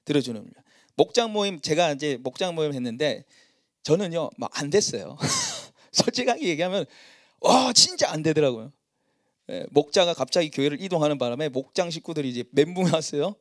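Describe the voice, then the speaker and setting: A middle-aged male pastor preaching in a church, telling stories about himself in a lively, self-mocking way. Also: fairly high pitch, a little fast, no room sound, studio quality. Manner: storytelling, animated and self-mocking. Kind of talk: sermon.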